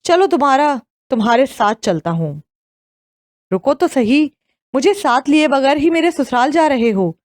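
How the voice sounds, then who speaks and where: Woman plays a cheerful young man in an audio novel, teasing and anxious, a bit high, dry read. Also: expressive, a little mellow, no echo. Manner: teasing, then anxious questioning.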